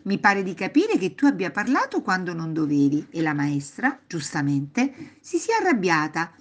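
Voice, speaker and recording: A gentle, cheerful old grandmother from a children's storybook talks in a soothing, reassuring way, voiced by a woman reading aloud. Her voice sits low and moves with lively rises and falls. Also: moderate pace. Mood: kind.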